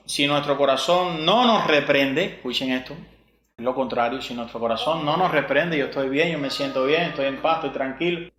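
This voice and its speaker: A man's voice: medium pitch, a bit bright. A man, possibly, preaching a sermon, asking rhetorical questions and repeating verses. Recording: echoey room.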